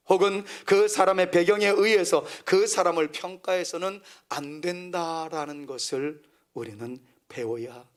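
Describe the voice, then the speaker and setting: A middle-aged male pastor from Seoul preaches with a fairly high voice. He speaks earnestly and lets many phrases fall away into a soft near whisper. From Seoul, South Korea. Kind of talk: sermon.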